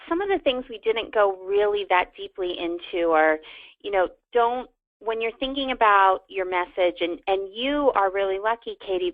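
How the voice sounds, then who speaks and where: A woman co-presenter giving advice on a training webinar, halting and repeating words as she thinks. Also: mid-range voice, no echo. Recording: dry tinny phone line.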